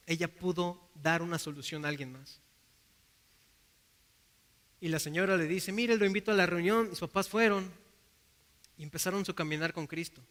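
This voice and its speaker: Mexican male preacher, high voice, bright and forward, earnest, stumbles and repeats words. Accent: Mexican Spanish. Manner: earnest, addresses listeners as brothers and sisters; frequent restarts and repeated words. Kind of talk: sermon.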